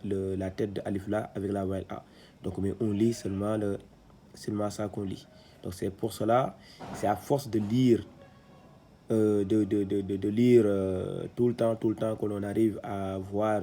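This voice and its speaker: A man teaching a reading lesson, spelling out syllables one at a time and explaining each rule slowly with fillers and restarts. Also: fairly low pitch, mellow.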